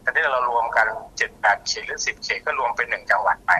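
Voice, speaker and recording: A man's voice: mid-range voice, fast, bright, forceful tone, husky. A man calling in as a community organization chairman, explaining at length with fillers, over a phone line. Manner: explanatory, many fillers and restarts. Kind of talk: explaining on a call-in interview.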